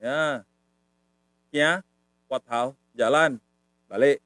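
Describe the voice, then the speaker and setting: A man's voice: mid-range voice, drawn-out words, a bit bright, no echo. A man giving a casual live-stream language lesson, patient and repetitive, tagging nearly every phrase with a short filler. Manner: repetitive, patient, says "ya" often. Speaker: language teacher.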